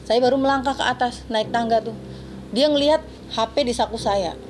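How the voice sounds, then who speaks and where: A woman's voice: a little high, fairly even intonation, brisk, slight background noise. A woman, a former housemaid, recounting events in detail at a press conference, her voice close to tears.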